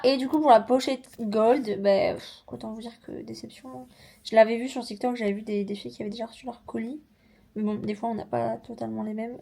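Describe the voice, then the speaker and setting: Chatty young woman vlogger, slightly high. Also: vocal fry. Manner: chatty, slangy, animated asides. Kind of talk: casual vlog chat, product unboxing.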